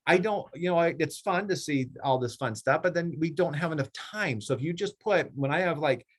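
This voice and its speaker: A middle-aged man leading a team meeting, coaching real estate agents in a rambling, animated way, often acting out clients in a raised voice. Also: on the high side, brisk, breathy edge. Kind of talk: casual coaching talk.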